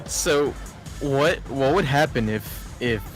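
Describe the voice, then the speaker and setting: A man's voice: medium pitch, faint music behind. Joking man with a mid-range voice. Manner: joking, halting, restarts sentences. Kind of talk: casual chat over a watch-along.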